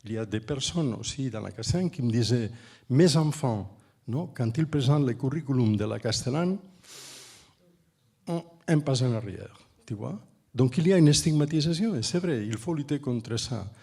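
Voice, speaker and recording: A man from Spain with a Spanish accent, a non-native speaker giving an unscripted conference talk as an urban planner, halting and emphatic, often repeating words. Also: mid-range voice, lively intonation, vocal fry, warm tone, slightly rough. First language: Spanish or Catalan.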